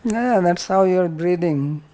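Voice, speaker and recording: Slow and warm, a high-voiced man with an Indian accent teaches a scripture class as a spiritual teacher. He explains things patiently and didactically, coming back to his points and illustrating them with simple examples.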